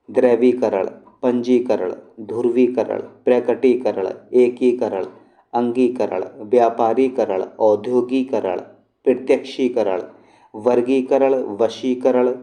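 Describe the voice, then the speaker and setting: A man's voice: medium pitch, mellow. A man teaching a spelling lesson, explaining patiently and checking in often with his students. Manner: explains patiently, with frequent check-ins to the class. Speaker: shorthand and typing teacher.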